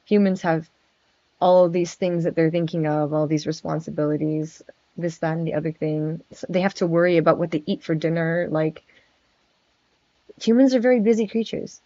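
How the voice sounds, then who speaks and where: A woman's voice: low-pitched, fairly even intonation, normal speed, warm tone, dry recording. A woman streaming in character as a friendly male vampire prince, chatting casually, giggling nervously and stammering. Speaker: virtual streamer. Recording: dry, dull lo-fi mic.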